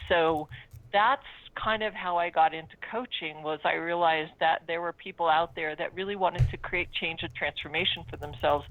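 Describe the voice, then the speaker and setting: A woman's voice: on the low side, dry recording. Mature woman on a phone-like line. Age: 50s or older. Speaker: coach, interview guest. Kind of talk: conversational personal storytelling. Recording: dry, phone-like narrow-band sound.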